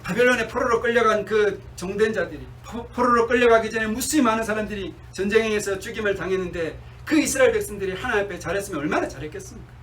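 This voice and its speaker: A male pastor preaching a sermon, asking his congregation questions and answering them himself, sometimes slowing down and dropping to a soft murmur. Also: high voice, distant mic, rough recording. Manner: slows down and drops to a near-murmur on key words.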